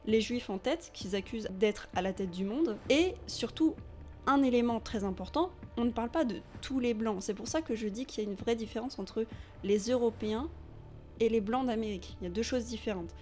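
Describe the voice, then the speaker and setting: A French woman giving scripted documentary narration in a measured, emphatic voice, with pointed asides to the viewer. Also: a little high, darkish tone, soft background music. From France. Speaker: narrator of a video essay.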